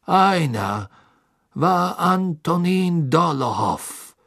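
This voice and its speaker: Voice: medium pitch, sing-song, drawn-out words, creaky, fairly bright tone, no echo, studio quality, voice pushed up, full character voice. An audiobook reader voicing a cowardly male former follower who speaks hastily and breathlessly, stammering as he pleads. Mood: pleading. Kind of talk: audiobook character voice.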